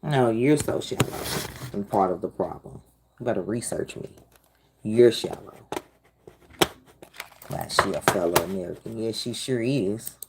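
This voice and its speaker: A woman's voice: a bass voice, animated, moderate pace, heavy background noise. A woman hosting a casual livestream, talking back to her chat in a sassy way. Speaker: livestream host.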